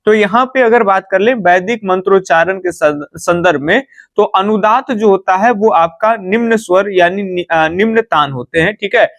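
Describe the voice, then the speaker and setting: A man with a Bihari Hindi accent teaches an exam-prep lesson in a fairly high voice. He talks briskly, stretching filler sounds and checking in with "theek hai". The sound is dry and close. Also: a bit bright, no room sound. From India. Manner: brisk, repeats "theek hai" and "fatafat se bataenge", drawn-out "a" fillers.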